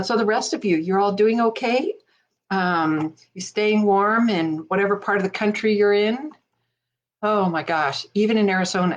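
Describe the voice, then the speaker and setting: A woman hosting a casual live stream from her home desk, greeting viewers by name with lots of fillers. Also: mid-range voice. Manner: chatty, warm greetings, many fillers.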